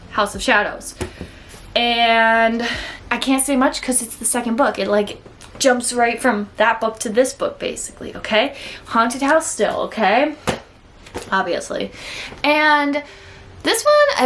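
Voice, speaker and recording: A woman's voice: a little high, fairly bright tone, slight background noise. A woman with a Minnesota accent chatting casually as she reviews the books she read, peppering her talk with "like" and "okay?". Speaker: book reviewer. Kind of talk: casual monthly reading wrap-up.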